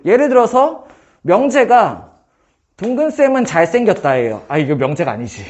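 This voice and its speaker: A man teaching math in a casual one-on-one lesson, firing quick questions at his student and joking. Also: sits high, very animated, lo-fi sound. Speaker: math tutor.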